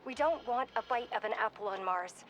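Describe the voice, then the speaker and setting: Lady playing a cagey scientist woman reading out her findings, highish voice, game audio log. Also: a little fast, crowd noise, natural voice. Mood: guarded. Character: reserved female scientist reporting research results. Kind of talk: game voice acting, spoken report.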